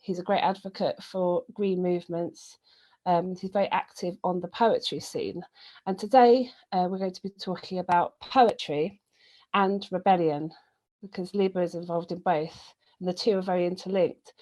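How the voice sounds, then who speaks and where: A woman's voice: fairly low pitch, steady tone, normal speed, dark tone, low-quality recording. A woman hosting a webinar interview, asking questions in a hesitant way with frequent ums and uhs. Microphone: webinar video call.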